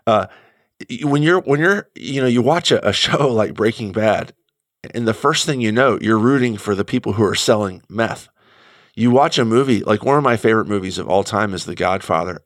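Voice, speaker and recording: A man's voice: on the low side, lively intonation, moderate pace, no echo, clean studio sound. A middle-aged man talking through ideas as a guest, thoughtful and searching, with frequent restarts. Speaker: guest commentator. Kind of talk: conversational radio talk.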